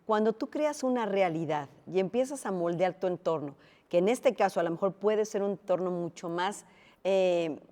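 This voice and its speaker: A woman's voice: on the low side, normal speed, warm tone, in a large hall. Reflective woman hosting a debate. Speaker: debate host. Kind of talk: studio debate chat.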